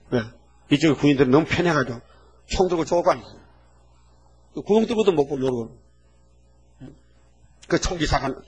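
An eighty-something male pastor with a mid-range voice delivers a folksy, animated sermon, frequently throwing rhetorical checks at the congregation. The recording quality is low.

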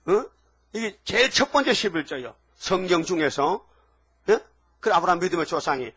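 High, bright-voiced preacher man with a husky edge. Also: big pitch swings, normal speed. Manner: emphatic, keeps prodding the audience with rhetorical "eh?"; colloquial storytelling with laughs. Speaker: pastor. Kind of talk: sermon.

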